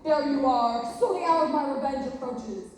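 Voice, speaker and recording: A woman's voice: sits high, normal speed, a little mellow, soft background music, natural voice. A woman playing a menacing, grandiose male stage villain with melodramatic declamation. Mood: gloating menace. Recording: echoey hall from far off, faint noise.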